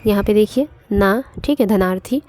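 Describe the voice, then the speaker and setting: A woman's voice: mid-range voice, moderate pace, a little mellow. A woman teaching an online exam-prep grammar lesson, explaining step by step and repeating points with frequent fillers.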